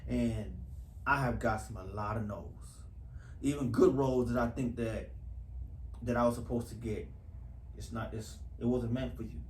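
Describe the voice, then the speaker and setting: Here a man with a medium-pitched, steady voice speaks at a moderate pace and pauses often. He's an actor from Houston, US, being interviewed casually but earnestly, and he repeats phrases for emphasis. Echo and faint noise come through in the room.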